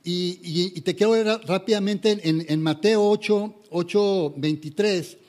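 A man preaches in a fairly high voice, earnest and conversational. He stumbles and restarts often. It sounds like a talk given to a congregation. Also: unhurried, darkish tone. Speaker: pastor. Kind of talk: sermon.

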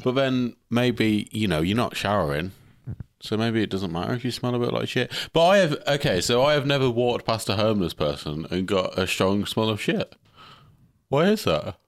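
Young man, fairly low voice, crude jokes, deadpan asides, casual chat. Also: a little fast. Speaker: podcast co-host.

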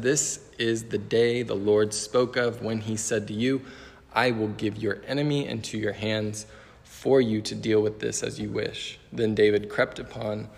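A man's voice: on the low side, vocal fry. A young man preaching a casual sermon with many fillers, telling a funny story before reading scripture. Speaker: youth preacher. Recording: long hall reverb.

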